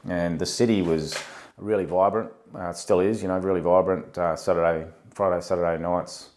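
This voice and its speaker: A very deep-voiced Australian man in his forties answers interview questions in a relaxed, conversational way. He pauses often with ums and uhs, thinking back as he talks. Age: 40s. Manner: hesitant, many ums and uhs, reflective. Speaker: podcast guest, former police officer.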